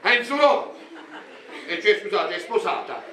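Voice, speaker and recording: A man playing a fussy, deferential gentleman in a stage comedy, stammering and repeating himself. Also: high voice, lively intonation, measured pace. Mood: apologetic. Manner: stammering, repetitive. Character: flustered, officious gentleman commendatore, deferential and fussy. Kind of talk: live amateur stage comedy acting. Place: theatre stage before an audience. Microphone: far camera. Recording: roomy theatre, distant mic, audience noise.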